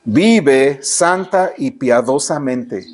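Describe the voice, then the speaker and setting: A man's voice: medium pitch, animated, very slow, a little mellow. A man with a Mexican Spanish accent preaching a sermon in church, often asking the congregation rhetorical questions. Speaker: pastor.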